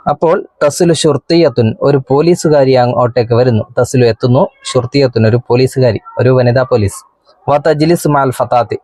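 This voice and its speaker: A man's voice: mid-range voice, darkish tone, dry recording, poor audio. A man with a Kerala accent teaching a class, reading a text aloud and then translating and explaining it line by line. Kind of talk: explaining a textbook drama line by line.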